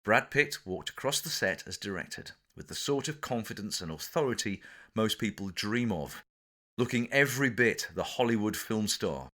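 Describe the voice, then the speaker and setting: A man's voice on the low side, expressive and sharp-toned, at a moderate pace. With an English accent, he narrates his own memoir for an audiobook, playing up a scripted anecdote with dramatic, theatrical emphasis.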